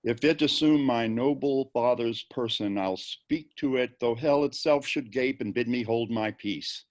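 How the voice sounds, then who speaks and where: A man playing Hamlet, a grieving, brooding young prince, in a Shakespearean dramatic reading over a video call, with deliberate theatrical phrasing. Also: medium pitch, lightly acted. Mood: resolute, grave. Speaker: amateur volunteer actor.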